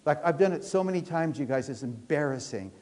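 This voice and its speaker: A fast, earnest male pastor preaches a sermon with a somewhat high voice, stacking restarts as he presses his points. He sounds middle-aged and fully animated in his delivery, and the sound comes from a church.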